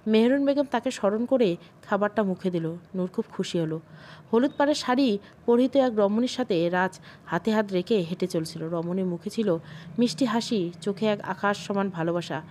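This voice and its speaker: A woman storyteller reading a scripted audio story in a steady, even way. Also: mid-range voice, normal speed, a little hiss or hum.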